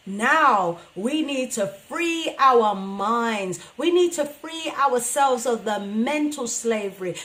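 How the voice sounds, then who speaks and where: Earnest high-voiced woman host, slow. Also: fairly bright tone. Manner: earnest, emphatic, preaching to family. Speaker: radio show host. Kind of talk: motivational monologue to listeners.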